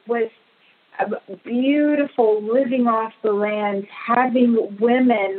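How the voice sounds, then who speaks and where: A woman from Pakistan, a guest in an interview, telling her life story in a slow, earnest, reflective way. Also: fairly high pitch. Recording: phone-like narrow audio.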